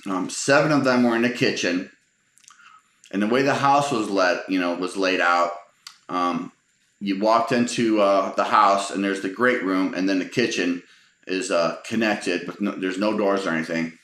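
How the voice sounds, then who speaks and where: Low-voiced middle-aged guy rambling through funny life stories, chuckling, echoey room. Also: moderate pace, fairly bright tone. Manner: rambling, chuckling, many fillers and restarts. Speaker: storyteller. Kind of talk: casual spoken storytelling. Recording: roomy echo.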